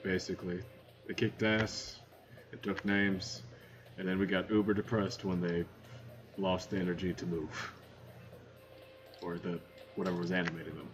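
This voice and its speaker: A man's voice: low voice, moderate pace, long pauses, soft background music. A man playing a tabletop role-playing game, chatting casually with friends and swearing freely. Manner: profane, excitable banter. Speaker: player. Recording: dull, noisy home recording.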